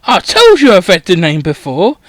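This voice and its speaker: A man's voice: high voice, huge pitch swings, moderate pace, a bit bright, no room sound, exaggerated voice. A man voicing a cocky teenage boy wizard who swears and talks matey and cheeky.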